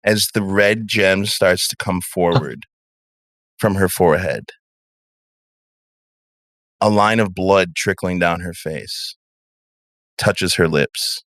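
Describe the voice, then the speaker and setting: A man runs a tabletop game in a bright, forceful voice that sits a little low. He narrates scenes dramatically and swears freely. The recording is dry and close. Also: takes it slowly, long pauses, no echo. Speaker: game master.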